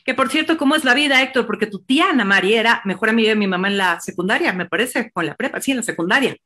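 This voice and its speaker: A woman's voice: a little high, lively intonation, fast talker, sharp tone. A Mexican woman hosting a virtual book presentation, effusive and rambling, with many fillers. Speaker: host.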